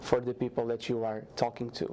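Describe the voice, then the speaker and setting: Portuguese-accented young man, flat and mellow. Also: mid-range voice, slight background noise. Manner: halting, many restarts and fillers, earnest. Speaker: guest, startup founder. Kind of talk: TV studio interview.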